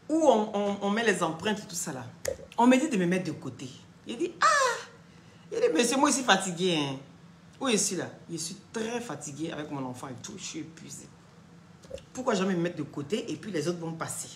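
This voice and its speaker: Animated woman in an echoey room. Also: medium pitch, normal speed, pauses often, a little hiss or hum. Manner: animated, acts out the dialogue, checks in with "d'accord?". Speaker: live-stream host. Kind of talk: casual live-stream storytelling.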